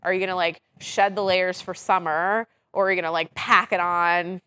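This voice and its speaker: Direct woman host with a lowish voice, chatty filler-heavy delivery. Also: normal speed, smooth. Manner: direct, animated, swears freely, laughs often; frequent "like" and "right?" fillers. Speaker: podcast host. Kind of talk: casual podcast conversation.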